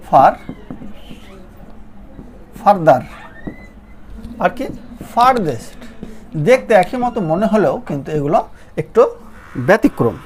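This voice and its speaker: A woman's voice: mid-range voice, darkish tone, a little hiss or hum. A woman teaching English grammar at a board, explaining step by step and often checking in with the listener. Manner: draws words out syllable by syllable as examples. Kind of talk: spoken lesson at a board. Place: classroom-style video with a board.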